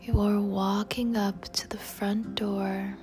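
Very slow, soft whispering woman meditation guide. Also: medium pitch, little pitch movement. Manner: soothing, tender, addressing listener affectionately. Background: music.

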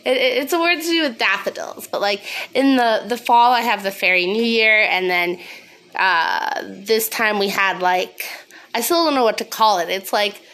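Woman, mid-pitched voice, solo podcast host, casual confessional ramble, sweary, self-deprecating, slightly sniffly, phone recording. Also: normal speed, fairly bright tone. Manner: snorting laugh.

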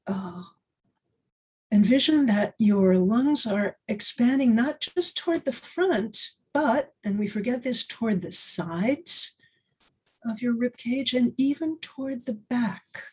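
A woman talks a listener through a breathing exercise with slow, gentle, soothing instructions. Her voice is mellow and a little breathy, and she leaves long, unhurried pauses between phrases. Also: fairly high pitch, lively intonation.

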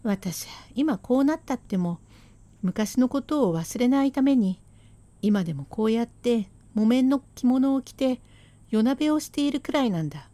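A woman voicing a sharp-tongued, hardworking Edo wife who scolds her husband sarcastically and relentlessly, in rakugo storytelling. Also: fairly high pitch, expressive, moderate pace, no echo, lightly acted. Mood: scolding.

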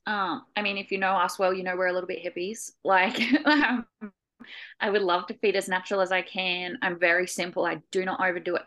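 A woman co-hosting a casual podcast, laid-back and relaxed, with fillers and the odd swear word. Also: on the low side, vocal fry. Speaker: podcast co-host.

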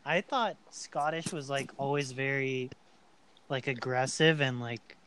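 A young man co-hosting a casual podcast chat, animated and rambling with a jokey manner. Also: mid-range voice, unhurried, crowd noise. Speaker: podcast co-host.

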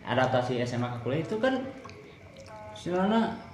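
A young man with a Sundanese accent, answering interview questions in a relaxed chat and repeating his words. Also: medium pitch, a little fast, echoey room, a little hiss or hum. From West Java, Indonesia.

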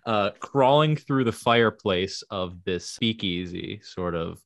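A man co-hosting a tabletop game podcast, chatting loosely with rambling asides. His voice sits low, and the sound is dry and close with no room around it. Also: expressive, unhurried, no room sound. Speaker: podcast co-host. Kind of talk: casual chat.

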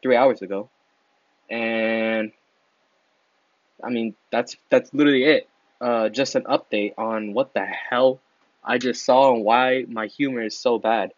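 A man's voice: medium pitch, dry recording, muffled recording. A teenage boy vlogging casually, crude and rambling, laughing mid-sentence and stumbling over his words. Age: teens.

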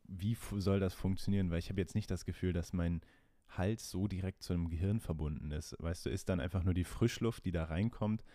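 A man's voice: low voice, fairly even intonation, brisk, mellow, no echo, studio quality. A man co-hosting a casual podcast, hesitant and questioning, recorded over a remote call. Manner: hesitant, many fillers, questioning. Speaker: podcast co-host. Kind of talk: casual chat.

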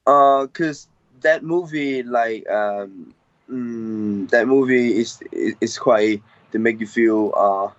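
A man's voice: medium pitch, no room sound. Hesitant young man with a Hong Kong accent. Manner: halting, hesitant non-native English with many fillers. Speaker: MMA fighter guest. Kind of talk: casual interview. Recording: dull, dry lo-fi sound.

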